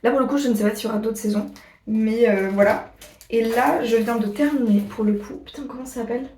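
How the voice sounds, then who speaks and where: A woman vlogger chatting casually to her viewers, rambling and pausing often on fillers. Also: on the high side, darkish tone, recorded from a distance, a little hiss or hum. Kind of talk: casual chat to camera. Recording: echoey room, voice a bit off-mic.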